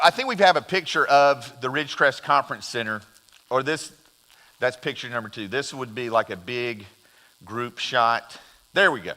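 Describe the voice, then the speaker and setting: A man's voice: on the high side, sharp tone. A middle-aged man from South Carolina, preaching a conversational sermon and telling folksy stories that act out the voices he quotes. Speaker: pastor. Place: church sanctuary. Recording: church live stream with long hall reverb.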